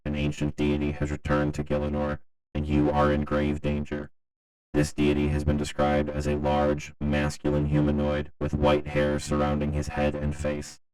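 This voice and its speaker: An ultra-deep, dead-flat emergency broadcast announcer. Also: male voice, clear, resonant tone, poor audio. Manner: monotone, official, measured. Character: stern male emergency broadcast announcer, grave. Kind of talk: mock public safety announcement.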